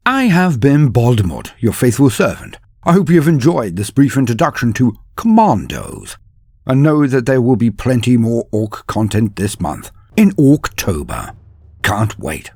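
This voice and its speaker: This storyteller, who hosts a lore channel, reads scripted tales with formal, flowery theatricality. The man's voice is medium-pitched, darkish and husky, recorded with no echo.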